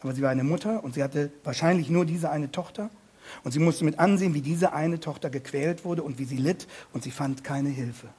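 Here a man's husky, warm voice, pitched on the high side, carries a sermon about a Bible passage. He leans hard on his words, slows down to repeat the key ones, and asks his listeners questions head-on.

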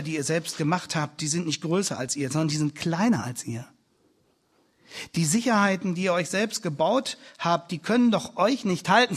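A male pastor delivers a sermon in a slightly husky, somewhat high voice. He hammers his points home with repeated phrases and rising emphasis, speaking from the pulpit of a church.

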